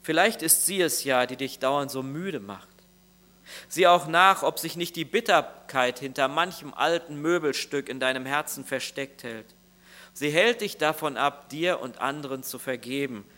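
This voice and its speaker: A man's voice: mid-range voice, moderate pace, bright, forceful tone. A man preaching a sermon as pastor, earnest and speaking straight to each listener. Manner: earnest, addresses listeners directly.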